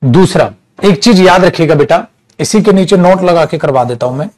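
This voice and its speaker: A man's voice: a little high, expressive, darkish tone. A middle-aged man teaching English grammar in a casual, teasing lecture style, calling students "beta". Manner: slow, chatty, teasing, calls students beta.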